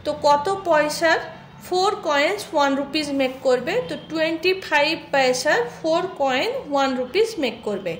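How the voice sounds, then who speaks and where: A woman teacher working through a children's math worksheet, slowly reading each question in English, then explaining the answer in Bengali. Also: sits high, reverberant, a little hiss or hum.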